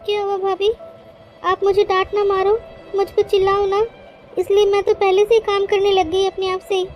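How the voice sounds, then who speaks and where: Woman voicing a timid, very high cartoon girl. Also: completely flat delivery, moderate pace, a little mellow, soft background music. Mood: pleading. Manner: pleading, complaining to herself. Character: young female student, timid and obliging younger sister-in-law.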